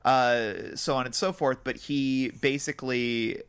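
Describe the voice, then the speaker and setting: A podcast host talks casually about film, drawing on quoted interview material. His mid-range voice is smooth, steady and fairly bright, delivered at a measured pace.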